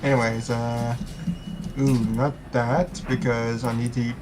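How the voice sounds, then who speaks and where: A man's voice: mid-range voice, little pitch movement, slow pace, a little mellow, slight background noise. A man giving live video game commentary as a streamer, talking to himself and slipping into pilot radio jargon.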